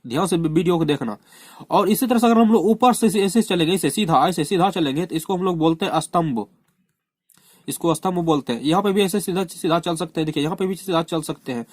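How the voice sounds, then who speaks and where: A man's voice: a little high, a little fast, dry recording. A man from India teaching a math lesson at a board, repeating terms and often urging the students to watch closely. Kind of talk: classroom lesson explaining at a board.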